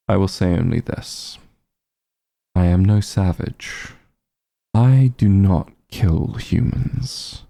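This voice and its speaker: In an ASMR fantasy roleplay, a man voices an ancient, aloof vampire patriarch who is commanding yet honorable, using formal, haughty, archaic phrasing. His low voice is warm with vocal fry, heavily acted, and free of echo.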